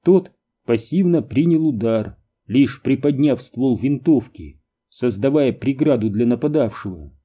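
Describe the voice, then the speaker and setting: A man narrating an audiobook in an even, measured reading. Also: mid-range voice, husky, lo-fi sound.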